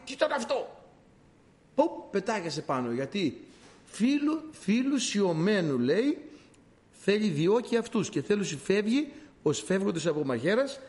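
A male preacher delivering a sermon, telling stories in an animated way and addressing his listeners as dear brothers. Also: on the high side.

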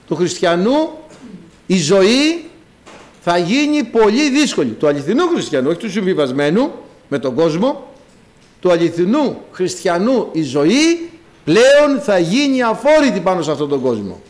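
A man preaching a sermon to his congregation, calling them brothers and acting out the voices in his stories with dramatic swings. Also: big pitch swings. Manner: dramatic, acts out quoted voices with big pitch swings.

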